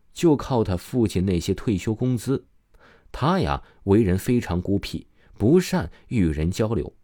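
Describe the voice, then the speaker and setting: A man's voice: sits low, warm tone, no echo, clean studio sound. A man narrating a scripted true crime story as a dramatic storyteller, drawing out his phrase endings. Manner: dramatic storyteller phrasing with drawn-out sentence particles.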